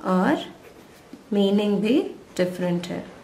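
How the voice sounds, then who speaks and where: Slow, patient Indian woman tutor. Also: medium pitch, expressive, warm tone, slight background noise. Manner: patient, repeats and spells out words. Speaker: English grammar tutor. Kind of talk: slow explanatory lesson in Hindi-English mix.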